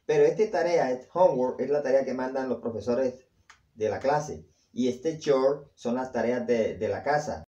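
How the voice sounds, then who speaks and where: A man teaching English to Spanish speakers, saying each sentence twice slowly and then translating it. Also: medium pitch, mellow, highs cut off. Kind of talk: language lesson. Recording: echoey room.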